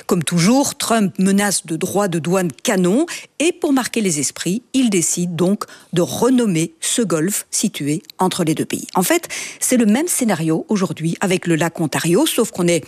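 A woman's voice: fairly low pitch, lively intonation, unhurried, a little mellow, husky, no room sound. A woman giving a scripted, explanatory radio segment in a conversational way, from Belgium. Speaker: radio columnist.

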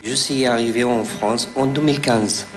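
Fields: Sex: man. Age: 30s. Origin: Afghanistan. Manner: simple, earnest. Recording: clear music behind. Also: mid-range voice, fairly even intonation, normal speed, echoey room. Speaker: volunteer.

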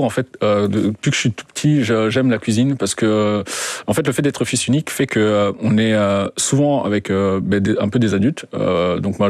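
Guesting on a radio interview, a young man from Belgium who co-directed a documentary shares his personal story hesitantly, restarting often and using many fillers. His voice is lowish, captured with clean, dry studio sound.

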